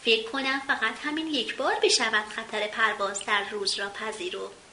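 A woman's voice: on the high side, fairly even intonation, bright, forceful tone. A woman voicing a wise little male forest being who speaks in an earnest, cautioning way, in a roomy recording with faint hiss.

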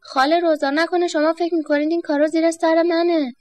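A woman's voice: very high voice, level tone, a little mellow, no echo, voice pushed up. A woman doing an eager young boy. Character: cheerful curious young boy with magic words.

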